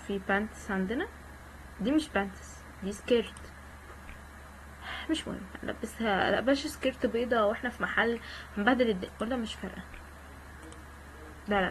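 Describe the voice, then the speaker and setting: A woman's voice: mid-range voice, slight background noise, rough recording. Egyptian woman, gaming vlogger, mid-range voice, playful and chatty, cracks jokes at herself. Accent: Egyptian Arabic. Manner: playful, joking, chatty with viewers. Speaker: gaming channel host. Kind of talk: casual let's-play commentary.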